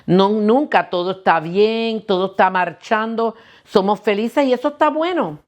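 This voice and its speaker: A woman pastor preaching with a mid-pitched voice. She often asks the congregation questions and restarts words as she goes. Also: normal speed. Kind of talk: sermon.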